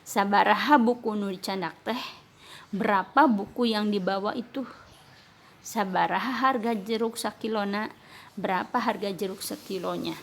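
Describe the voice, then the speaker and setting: A woman teacher speaks at a middle pitch. She explains each word patiently, then says it again in translation, as in a recorded lesson for young pupils. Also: creaky, a little hiss or hum. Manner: explains slowly, switching between Sundanese and Indonesian. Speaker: primary school teacher.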